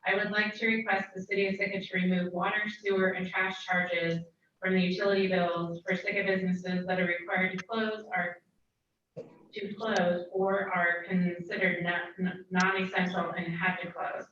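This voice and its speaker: A woman's voice: lowish voice, little pitch movement, moderate pace, fairly bright tone. Woman on a garbled, echoey remote line. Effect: garbled, breaking-up remote call audio. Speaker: city clerk calling the roll. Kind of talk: formal roll call and reading aloud at a meeting. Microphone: remote call into the meeting. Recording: muffled, distant, very echoey remote line with faint hiss.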